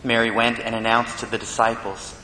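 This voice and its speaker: Priest guy giving a homily, calm earnest pacing, big cathedral echo, long church reverb. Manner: measured, earnest preaching with pauses. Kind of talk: gospel reading and homily. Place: large church. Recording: echoey church hall with faint rumble.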